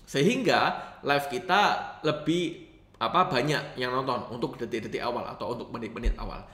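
A man's voice: mid-range voice, moderate pace. Man teaching in a roomy echo. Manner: lively rising and falling intonation, addresses viewers often. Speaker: host of a channel teaching live streaming. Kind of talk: casual tutorial talk.

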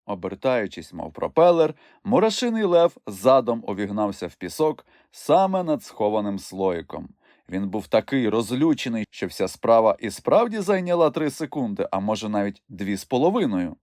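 A man narrating a children's audiobook in an expressive storytelling manner on a studio mic. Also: lowish voice, moderate pace, no echo.

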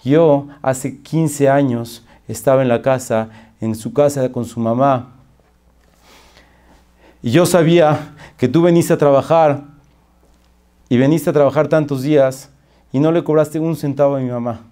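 A man voicing a calm, grateful male business owner who speaks in a measured, soothing way. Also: medium pitch, close to an everyday voice. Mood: heartfelt.

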